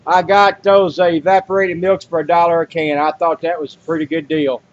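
Brisk and level, a fairly high-pitched older man chats folksily about groceries and canning, filling his casual home vlog with fillers. He's in a small home room, and the webcam or handheld camera gives dull, lo-fi audio.

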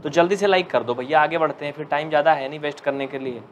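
A man teaching a live online maths class who jokes with students and dictates slowly. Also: on the high side, a little hiss or hum. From India. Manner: chatty, joking, dictates slowly.

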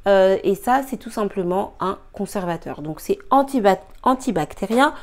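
In her home kitchen, a young cooking and beauty vlogger talks casually through a recipe in a mid-range, animated voice at normal speed. She sounds a little tired, hesitates, leans on fillers, and apologizes often.

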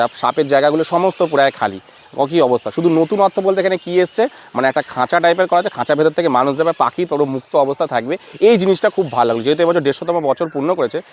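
A man with a Bengali accent giving casual walking-tour commentary at a zoo, pointing things out over and over. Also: on the high side. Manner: points things out constantly, repeats "look here". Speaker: vlogger touring a zoo. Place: outdoors at a busy zoo. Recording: crowd noise outdoors. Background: crowd and animal sounds.

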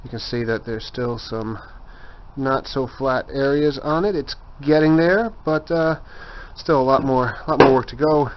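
A man in his 30s who vlogs about woodworking gives a casual handheld tour of his cluttered home woodshop, pointing things out as he walks. His mid-range voice is a little slow and chatty, picked up by a handheld camera mic with dull lo-fi audio.

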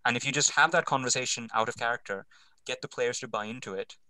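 A man's voice: medium pitch, fast, pushed and bright, dry recording, low-quality recording. A man speaking on an online panel, explaining step by step with frequent ums. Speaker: panel speaker on game mastering. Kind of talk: casual explanatory panel talk.

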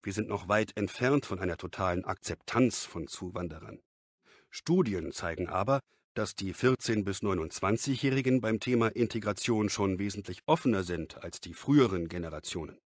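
A man reading the part of an expert being interviewed in a scripted lesson dialogue, measured and explanatory. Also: lowish voice, animated, dry recording.

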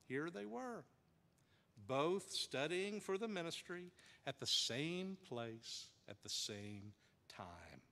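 Man preaching in a reverberant sanctuary. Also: medium pitch. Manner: dramatic, varied pacing with hushed drops. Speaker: pastor. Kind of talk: sermon storytelling. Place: church sanctuary.

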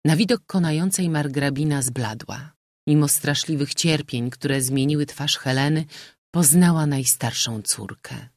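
A man's voice: fairly high pitch, measured pace, no room sound. Man narrating a novel audiobook, dry sound.

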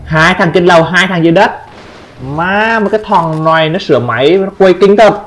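A Vietnamese-accented man commenting on his own gameplay, taunting opponents and breaking into excited shouts. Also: sits high, normal speed. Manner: trash-talking, taunting, sudden excited shouts. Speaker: gameplay streamer.

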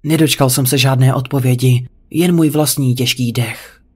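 A man's voice: mid-range voice, fairly even intonation, a little mellow, husky. A man narrating a horror story in the first person, reading it as a tense tale. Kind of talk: creepypasta narration.

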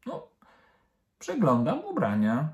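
A man's voice: on the high side, huge pitch swings, takes it slowly, lo-fi sound, full character voice. A man voicing a cheerful, loving mother in a children's story, playful and fond.

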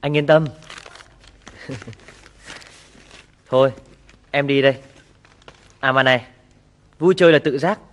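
An actor playing a smooth-talking village betting middleman who reassures his partner briskly, in an old film. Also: medium pitch, steady tone, fairly bright tone. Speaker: betting broker.

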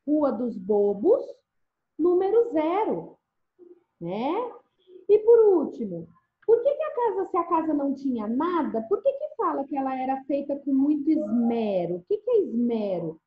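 A woman's voice: sits high, sing-song, moderate pace. A woman teacher leading a remote lesson for first graders in a coaxing, sing-song manner, often checking that the children follow. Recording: echoey room, dull lo-fi sound.

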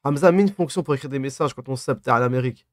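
A man's voice: medium pitch, racing, a little mellow, no echo. Young man with a lisp, dry close sound. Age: 20s. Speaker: live streamer. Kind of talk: casual livestream chat, reading and answering viewer comments. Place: small dim room at a desk.

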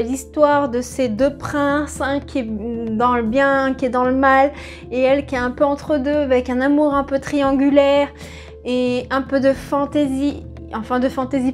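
A woman in her thirties casually presenting her new manga at home, chatty and full of hesitations. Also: high voice. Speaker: book vlogger. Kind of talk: casual manga haul vlog. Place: home room in front of a bookshelf. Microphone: camera in front at mid-shot.

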